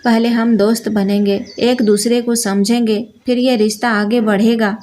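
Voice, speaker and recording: Woman doing a cold, commanding rich husband in a story reading, higher voice. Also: little pitch movement, moderate pace, a little mellow, lightly acted. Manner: cold, commanding, dictating terms. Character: arrogant rich young husband laying down rules.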